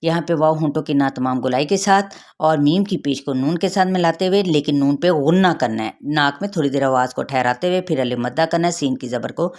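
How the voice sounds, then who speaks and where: Low-voiced woman teaching tajweed. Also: fairly quick, a little mellow. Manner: patient, repeats rules, checks with "theek hai". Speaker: Quran recitation teacher. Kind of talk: tajweed lesson, explaining rules then reciting slowly.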